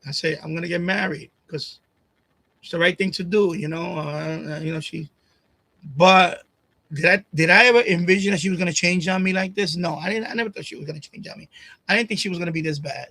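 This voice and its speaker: A man in his fifties, in his late fifties specifically, rants emotionally to his livestream viewers in a high, bright voice with vocal fry, talking a little fast. He swears freely, rambles, repeats phrases, and his voice climbs when he gets upset. He speaks close to a desk USB condenser mic at home, so the sound is dry with almost no room echo.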